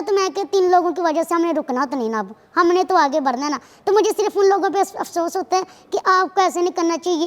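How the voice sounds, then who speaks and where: A young woman speaks as a TV guest, chatty and earnest. Her voice rings with a long reverb from the studio. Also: very high voice. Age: 20s. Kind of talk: casual interview talk.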